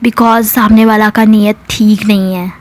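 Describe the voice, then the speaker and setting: A woman's voice: mid-range voice, flat delivery, measured pace, natural voice. A woman voicing a jealous, hot-tempered young woman scolding her partner in a told love story.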